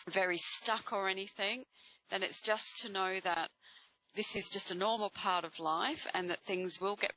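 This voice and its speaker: Bright-voiced Australian woman, reassuring spiritual reader. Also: fairly low pitch, no echo, muffled recording. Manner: reassuring, encouraging. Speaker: host giving live psychic readings to callers. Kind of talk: spiritual guidance talk to audience and caller.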